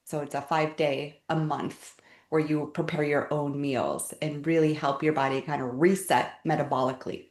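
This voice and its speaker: A middle-aged woman guest who explains health topics step by step in a relaxed, casual way, often repeating words as she goes. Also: low voice, normal speed. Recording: echoey room.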